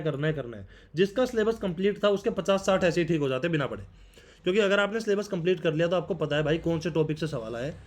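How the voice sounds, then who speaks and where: A man's voice: on the high side, a little mellow. A young man talking casually and directly to viewers, giving exam advice and often repeating his points like an older brother. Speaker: exam prep vlogger.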